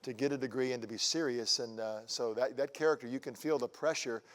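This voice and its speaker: A man's voice: medium pitch, a little fast. A middle-aged man interviewing guests on a TV studio set, rambling through his questions with frequent restarts. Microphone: lapel mic.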